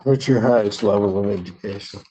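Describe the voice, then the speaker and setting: A man's voice: fairly low pitch, brisk, mellow, slight background noise, low-quality recording. A man presiding as a judge in court, asking blunt, clipped questions, heard through a courtroom recording. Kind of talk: courtroom proceedings.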